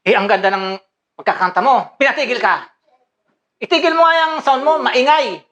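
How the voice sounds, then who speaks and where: A woman's voice: on the high side, lively intonation, normal speed, fairly bright tone. Woman barking playful karate commands. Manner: teasing, barks short commands, laughs often. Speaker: mock karate teacher. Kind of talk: playful comedic skit.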